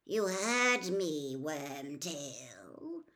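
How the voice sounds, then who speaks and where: A woman voicing a cold, menacing male dark lord in an audiobook, speaking in a hushed, imperious, quietly threatening way. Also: sits low, very animated, drawn-out words, heavily acted. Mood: quiet command. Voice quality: cold, hushed, breathy at times. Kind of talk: audiobook character acting.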